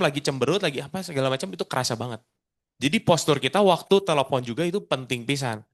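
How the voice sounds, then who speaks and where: A man, an insurance agent co-hosting, explaining phone tips to listeners in a relaxed, casual way. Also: medium pitch. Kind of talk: casual podcast chat.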